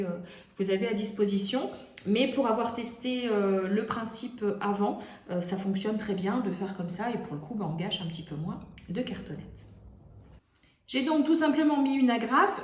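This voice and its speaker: Woman, crafts tutorial host, chatty and hesitant, fairly high voice, echoey room. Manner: chatty, many hesitations and restarts.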